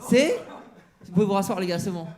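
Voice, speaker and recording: A man's voice: high voice, big pitch swings, fast talker, a little mellow. A man doing stand-up crowd work on a comedy club stage, teasing the audience with mock-outraged banter. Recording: live show with crowd laughter.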